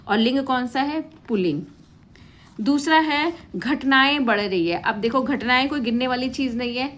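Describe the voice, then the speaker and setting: Woman teacher, fairly high voice, patient classroom explainer who quizzes and answers. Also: a bit bright. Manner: patient, asks questions and answers them herself, calls students "beta". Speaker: Hindi grammar teacher. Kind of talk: classroom-style grammar lesson.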